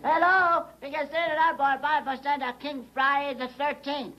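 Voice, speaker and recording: A man playing an excitable, friendly, childlike troll who babbles in garbled, repetitive phrases on an old children's show. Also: high voice, fast talker, highs cut off, very noisy. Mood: excited. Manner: babbling, garbled nonsense phrasing, repeats words. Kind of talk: children's make-believe show acting.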